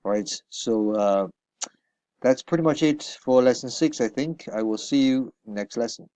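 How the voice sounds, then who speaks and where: A man's voice: mid-range voice, unhurried, mellow, dry recording. A man teaching a beginner Chinese lesson, explaining patiently and checking in often with "right?" and filler sounds.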